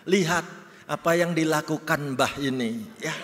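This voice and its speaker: A male pastor delivers a lively sermon, slipping in and out of the voices of the people in his stories. His voice sits a little high for a man. The sound rings with the long reverb of a church hall. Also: measured pace. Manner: animated storytelling, acting out quoted voices. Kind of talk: sermon with humorous anecdotes.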